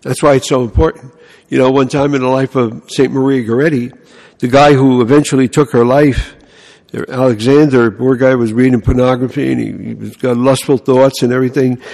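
An older man from the Bronx with a New York accent, a priest giving an animated sermon and telling stories, often asking "huh?" and "you know". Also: mid-range voice, brisk, creaky, in a large hall.

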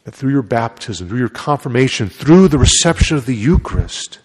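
A man's voice: medium pitch, very animated, moderate pace, a little mellow, breathy edge. A man serving as a priest, reading the gospel and preaching a homily in a large church. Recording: long echo of a large church.

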